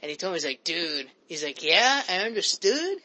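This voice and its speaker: A man's voice: high-pitched, very animated, normal speed, pushed and bright, low-quality recording. A man hosting a casual chat, rambling with frequent stammered restarts. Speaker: host.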